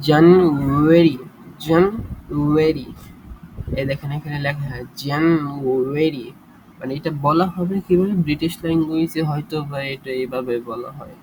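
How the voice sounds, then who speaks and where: Slow-drilling man with traffic noise behind. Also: fairly high pitch. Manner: repeats words slowly in drills, quick asides between. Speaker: self-taught English learner teaching basics. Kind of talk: casual spoken English lesson.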